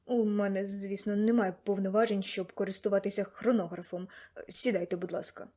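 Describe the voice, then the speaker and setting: A woman's voice: mid-range voice, fairly even intonation, fairly quick, dark tone, lightly acted. A woman reading an audiobook voices a nervous, awkward young man who stammers and hesitates.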